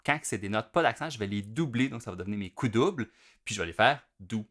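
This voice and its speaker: A man with a Québécois French accent teaching drums, explaining each step in a relaxed way as he demonstrates at the kit. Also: fairly low pitch, quick pace. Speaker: drum teacher. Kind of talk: explanatory music lesson. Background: loud drum kit playing between phrases.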